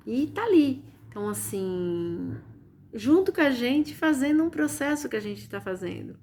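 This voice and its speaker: Chatty Brazilian woman, higher voice. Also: big pitch swings, moderate pace, darkish tone, a little hiss or hum. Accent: Brazilian Portuguese. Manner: chatty, keeps addressing viewers with "gente" and "né". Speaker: live-stream host and reiki teacher. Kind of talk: casual spiritual chat on a live stream. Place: at home.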